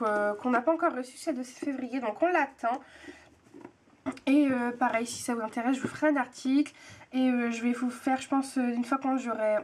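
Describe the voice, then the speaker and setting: A woman's voice: sits high, slight background noise. A young woman blogger chatting casually and gushingly about a tea box, full of hesitations. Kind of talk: casual unboxing chat.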